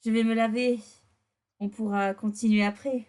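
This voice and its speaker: A woman's voice: a little high, level tone, normal speed, a little mellow. A woman co-hosting a dating game playthrough, switching between reading the story text aloud and blunt, teasing, slangy commentary in casual chat.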